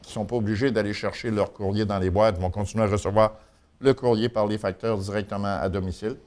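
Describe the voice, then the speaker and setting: Male local columnist, Quebec French accent, lowish voice, colloquial and folksy, chatting through community news. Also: fairly even intonation, fast talker, a little mellow. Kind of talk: informal spoken local chronicle in conversation.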